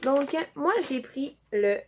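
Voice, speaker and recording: A young female vlogger with a Quebec French accent chats casually through a haul video, using lots of fillers as she shows items to the camera. Her voice is high and her pace slow. The audio is dull and lo-fi, with faint noise.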